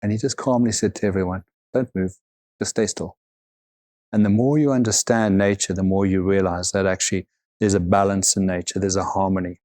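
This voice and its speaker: A middle-aged man with a low voice, recorded dry and close. He speaks reflectively in an interview, unhurried and repeating words as he gathers his thoughts. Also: fairly even intonation, darkish tone, dry recording. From South Africa. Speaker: guest, overland vehicle consultant.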